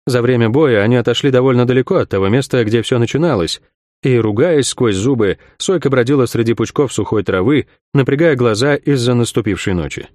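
A man narrating a fantasy audiobook in an expressive storytelling manner. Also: mid-range voice, brisk, dry recording, clean studio sound.

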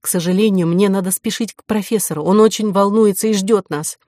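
A woman voicing an impulsive young heroine in an audiobook, speaking in urgent, hurried calls. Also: medium pitch, warm tone, no echo, clean studio sound, close to an everyday voice. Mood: apologetic.

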